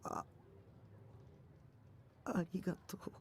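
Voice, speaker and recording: A man's voice: a little slow, natural voice. A man voicing a timid, nervous teenage boy who stammers, in an anime-style game clip. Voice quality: stammering, hesitant.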